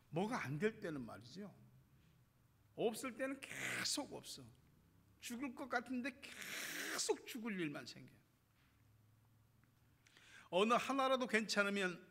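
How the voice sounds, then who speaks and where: A man preaching a sermon as pastor, swinging from hushed, quiet lines to loud, impassioned ones. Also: high voice, breathy edge, long reverb tail. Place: church sanctuary.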